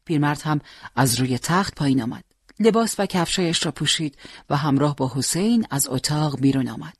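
Calm husky storybook narrator. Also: mid-range voice, dry recording, studio quality.

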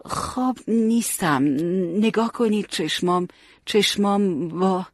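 A man voicing a sleepy young male fighter who talks slowly and haltingly, with a husky voice. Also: a little high, sing-song, no room sound, clean studio sound, full character voice. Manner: slow, drowsy, halting words.

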